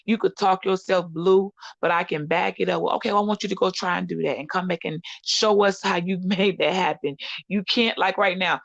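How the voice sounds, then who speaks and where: A woman's voice: on the low side, fairly even intonation, fairly quick, gravelly, few pauses, dry recording. A middle-aged American woman giving opinionated casual talk in a sarcastic, scolding, emphatic manner, as a participant in an online panel. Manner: sarcastic, scolding, emphatic, mimics opponents in argument. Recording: slightly dull, lo-fi online audio.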